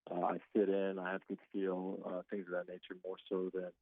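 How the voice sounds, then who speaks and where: This guest baseball player, a man of twenty-five, chats casually by phone with a low-pitched, fairly quick delivery. The line sounds tinny and dry, and he stays relaxed, laughing often.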